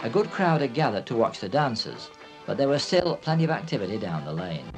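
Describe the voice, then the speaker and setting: A man delivers scripted narration for a documentary. His voice sits at an ordinary middle pitch, measured and informative, with music clearly playing behind it. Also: sing-song, poor audio.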